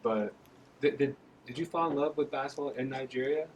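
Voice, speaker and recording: Chatty male interviewer, faint rumble. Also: poor audio. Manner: chatty, upbeat, quick follow-up questions. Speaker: interviewer, host. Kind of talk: casual interview chat.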